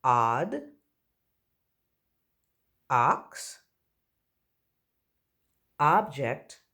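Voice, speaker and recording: Slow, patient woman teaching phonics. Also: sits low, darkish tone. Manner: slow, patient, drawn-out sounding of letters. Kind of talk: phonics lesson for young children. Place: at home.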